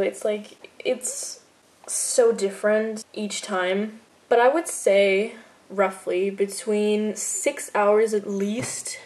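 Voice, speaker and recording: Speaking at medium pitch with a slightly mellow tone, an Austrian woman who grew up speaking German answers viewer questions about her fan video editing in a casual vlog. She's chatty, quick to laugh, and heavy on fillers, "like" especially.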